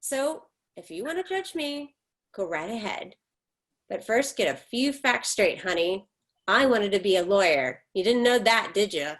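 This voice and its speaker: Playing a bitter, defensive middle-aged mother in a stage play, a woman speaks a little slowly in a mid-range, fairly bright voice with lively intonation. Her delivery is insistent, emphatic and reproachful, full of clipped comebacks.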